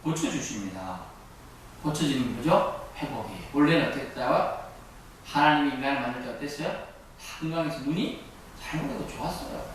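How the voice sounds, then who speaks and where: In a church sanctuary, a middle-aged male pastor delivers a sermon in a mid-range voice at a slightly fast pace, frequently posing questions to the congregation and answering them himself. The echoey hall is captured on a distant mic with faint noise.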